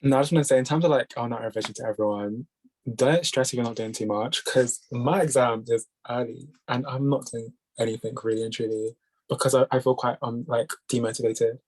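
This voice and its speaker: A man's voice: medium pitch, fairly even intonation, brisk, darkish tone, low-quality recording. A young man in his late teens hosting a video call, giving casual, reassuring advice that rambles with fillers. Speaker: host.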